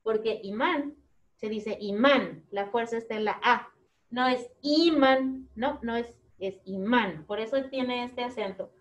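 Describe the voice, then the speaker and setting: Slow-spoken teacher woman, high voice. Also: muffled recording. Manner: slow, clear, repeating words for young children. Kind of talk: children's phonics lesson video.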